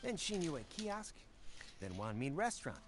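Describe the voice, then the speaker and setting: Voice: medium pitch, sing-song, normal speed, background noise, lightly acted. A performer doing a pushy, shady street hustler. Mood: accusing. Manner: wheedling then blustering, stammers when caught. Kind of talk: game cutscene dialogue.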